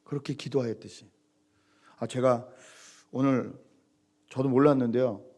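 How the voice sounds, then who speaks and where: A middle-aged man preaching a Sunday sermon as pastor, animated, acting out quoted lines and swinging between loud and soft. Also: medium pitch, normal speed.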